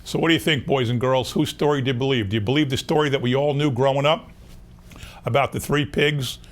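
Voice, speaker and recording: A man's voice: mid-range voice, steady tone, a little fast. A man reading to young children, introducing the story and chatting to them informally in asides. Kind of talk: informal story-time read-aloud.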